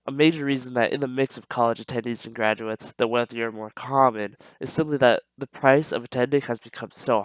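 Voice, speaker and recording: A young man with a stuffed-up, slightly nasal voice, reading a prepared persuasive speech as a student, earnest and steady with small stumbles. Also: mid-range voice, no room sound, poor audio.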